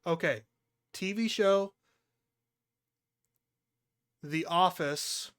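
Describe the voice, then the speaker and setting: A man's voice: sits high, slow pace, a bit bright, clear, resonant tone, no echo, clean studio sound. A man playing as a quiz contestant, chatting casually, thinking aloud and swearing freely.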